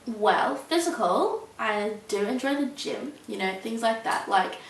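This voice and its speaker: Her pitch is fairly high, her delivery animated yet unhurried: a young adult woman responding to an interview casually and hesitantly, with many ums and likes. The sound is roomy, recorded from a distance, with a faint hiss.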